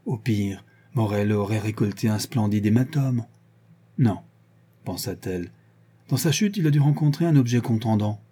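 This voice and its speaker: A man narrating an audiobook in a measured storytelling manner. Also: on the low side, mellow, breathy edge. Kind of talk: audiobook reading.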